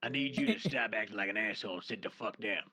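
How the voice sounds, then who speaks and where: A man's voice: fairly low pitch, fast talker, a crowd in the background. A man roleplaying a judge in a game courtroom, brash, profane and commanding.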